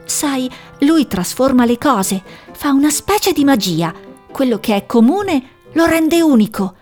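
A woman's voice: sits high, animated, unhurried, faint music behind, voice pushed up. A woman voicing Nanà, a cheerful young owl girl. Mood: earnest. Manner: bright, reassuring, a little anxious underneath.

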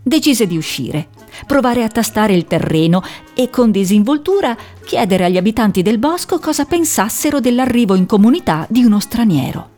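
A woman reads a children's storybook aloud in a gentle, expressive manner. Soft music plays faintly beneath her narration. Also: a little high, normal speed.

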